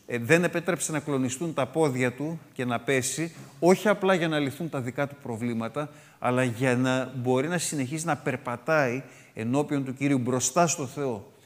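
A man's voice: medium pitch, in a large hall. A man giving a sermon-style Bible study on a psalm, reading verses aloud and explaining them word by word with frequent filler sounds. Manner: reads scripture aloud between comments. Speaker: Bible teacher.

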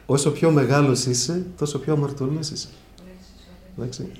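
A man preaching a sermon, dictating points for listeners to write down and repeating key phrases with strong emphasis. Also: on the high side. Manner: addresses brothers, lively rises and drops. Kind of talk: sermon teaching. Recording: echoey room with faint ambience.

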